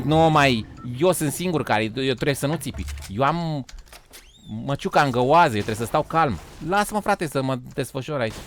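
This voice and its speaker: A Romanian man streaming a game live, joking loudly, swearing and calling his viewers "frate", often breaking into shouts and laughs. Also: fairly high pitch. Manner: swears and says "frate" a lot. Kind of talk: live gaming stream chat.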